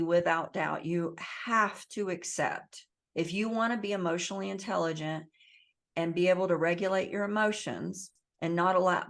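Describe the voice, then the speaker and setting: A woman's voice: on the low side, a bit bright. A woman being interviewed as an author, talking earnestly in a coaching tone and acting out the voices she quotes. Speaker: author, guest. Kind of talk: interview conversation. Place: based in the Southwest US.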